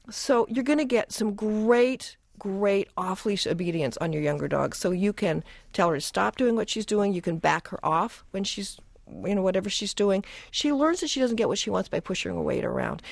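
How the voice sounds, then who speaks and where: Gravelly-voiced woman radio co-host. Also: mid-range voice, no room sound. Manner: lively, laughs easily, acts out dog scenes. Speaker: radio show co-host, animal behaviorist. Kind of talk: call-in radio advice. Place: radio studio.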